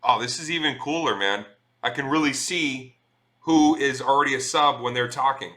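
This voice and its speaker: A middle-aged man talking loosely to his live-stream audience, reading viewer comments out loud and cursing often. His voice has a bright, forceful edge and sits at an ordinary pitch for a man. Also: moderate pace. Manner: chatty, swears freely, reads chat aloud. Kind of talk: casual live-stream chat.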